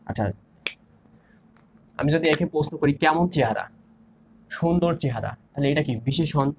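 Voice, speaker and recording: A man's voice: fairly high pitch, normal speed, noisy background. A young man teaching an online grammar lesson, repeating key terms and asking and answering his own questions. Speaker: grammar instructor.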